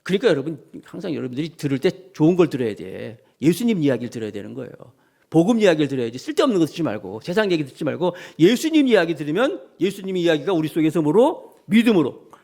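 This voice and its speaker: During a Sunday sermon, a middle-aged senior pastor preaches with animation, acting out shouts and quotes and asking his congregation direct questions. His voice is a little high, with vocal fry and a quick pace.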